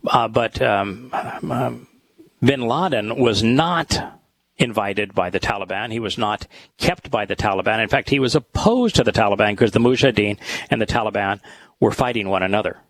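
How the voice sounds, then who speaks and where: A man hosting a talk show with scripture study, speaking in a halting, thoughtful way with many pauses. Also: fairly low pitch, no room sound, poor audio. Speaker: host.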